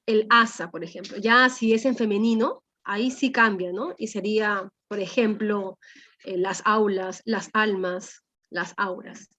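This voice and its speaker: A woman's voice: mid-range voice, steady tone, measured pace, sharp tone. A woman teacher, explaining a language lesson to her class and often checking in with her students through tag questions. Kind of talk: class lecture. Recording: dull lo-fi sound.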